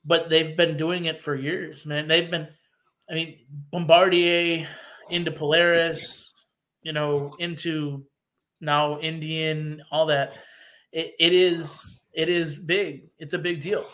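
A man from Wisconsin talks as a podcast guest. His voice sits a touch high, and he explains things earnestly and at length, often restarting his sentences. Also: level tone, slow, a bit bright. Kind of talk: casual podcast chat.

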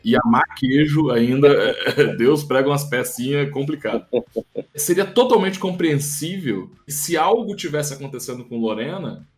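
A man's voice: mid-range voice, expressive, measured pace. A man from Brazil hosting a conversational talk show, speaking in a reflective, emphatic way with casual slang. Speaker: podcast host. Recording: faint music underneath.

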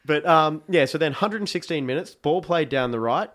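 A man talking football with friends in a casual podcast chat. His voice sits a little high, and he gets animated as he retells the big moments. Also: moderate pace. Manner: excited storytelling, animated retelling.

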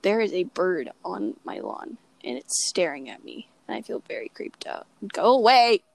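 A young podcast co-host from Oklahoma in the United States chats casually and tells personal stories, playful, self-mocking and exclamatory. Her fairly low voice has a sing-song lilt and vocal fry at normal speed, and the recording is dry with poor audio quality.

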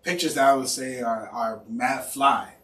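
A man's voice: mid-range voice, measured pace, fairly bright tone. Slangy podcast host man, roomy sound. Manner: slangy, lots of "you know". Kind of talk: casual interview chat. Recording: roomy, distant mic, faint noise.

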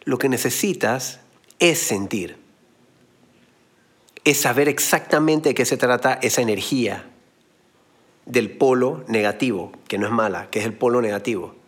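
A man's voice: medium pitch, a little slow, pauses often, slightly rough. A man giving a motivational talk, explaining with everyday analogies and blunt slang. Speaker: motivational speaker.

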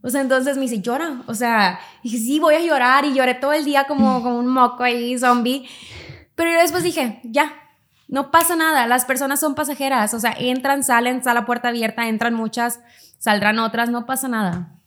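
A young woman talks casually on a podcast, with a fairly high voice. She tells a personal story and jumps into quick, lighter voices when she acts out what people said. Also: steady tone, a bit bright. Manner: storytelling, acts out quoted dialogue in quick higher tones. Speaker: podcast co-host. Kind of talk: casual chat.

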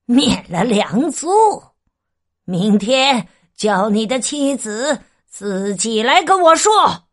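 A woman's voice: a little high, expressive, takes it slowly. Woman putting on a bossy greedy emperor. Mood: angry, commanding. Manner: bossy, commanding. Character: greedy, hot-tempered male emperor. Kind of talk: storybook reading.

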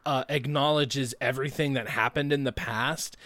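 A young adult man co-hosting a casual podcast chat, animated and swearing, with loud bursts of laughter. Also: mid-range voice, normal speed, no room sound. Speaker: podcast co-host.

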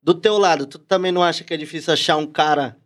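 A man's voice: fairly high pitch, fast. A man, interviewing in a casual chat full of street slang.

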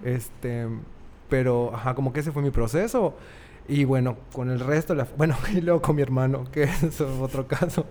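A man's voice: mid-range voice, moderate pace, mellow, slight background noise. A young man with a Mexican Spanish accent, telling a personal story in a casual chat and laughing often. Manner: chatty, laughs often, acts out quoted voices.

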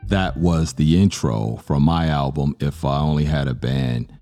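Very deep, mellow-voiced male podcast host. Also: a little slow, soft background music. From Virginia, US. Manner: relaxed, earnest, many filler sounds. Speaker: podcast host and music producer. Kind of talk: casual podcast talk about his album.

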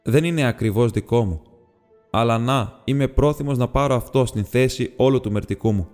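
A man's voice: mid-range voice, a little mellow, lightly acted. A man reading the part of a polite, businesslike male hobbit burglar in an audiobook, speaking in a courteous, precise and slightly formal way. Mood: sheepish. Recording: long reverb with faint music.

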